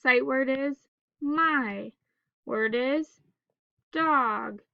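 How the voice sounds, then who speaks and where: A woman teacher leading a phonics drill for children in staccato, clipped single words with pauses between them. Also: high voice, gravelly, dry recording, highs cut off.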